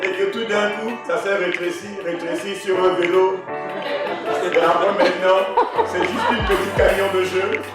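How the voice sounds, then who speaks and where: A male preacher delivers a sermon and puts questions to the congregation. His voice runs high and climbs into shouted emphasis. It sounds distant and echoey, caught in a big reverberant church room. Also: steady tone, moderate pace, loud music behind the voice. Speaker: pastor. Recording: echoey church hall, voice from afar.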